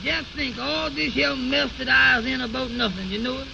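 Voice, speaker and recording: A man's voice: extremely high pitch, steady tone, moderate pace, creaky. An actor playing a humble, naive and easily flustered man who stammers and repeats himself in folksy speech, in old radio comedy style. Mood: nervous. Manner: stammering repetitions, deferential, folksy ungrammatical speech. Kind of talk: 1930s-40s radio comedy acting. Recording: muffled, noisy old radio recording.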